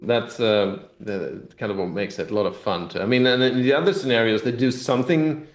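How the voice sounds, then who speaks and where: A man with a mid-range voice speaks fairly quickly while explaining a tabletop game during a casual interview, representing the game's publisher. He rambles and hedges with "kind of," and the sound is echoey and roomy.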